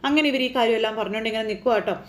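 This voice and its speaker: Fast-talking high-voiced woman recapping. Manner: chatty, addresses listeners directly. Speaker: TV serial recap narrator. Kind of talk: casual storytelling recap.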